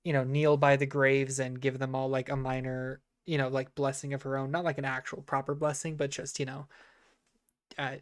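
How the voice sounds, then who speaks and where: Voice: mid-range voice, flat delivery, moderate pace, clean tone. A game master running a tabletop game on stream, talking loosely with lots of fillers. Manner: loose, filler-heavy, easygoing. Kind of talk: casual tabletop game narration.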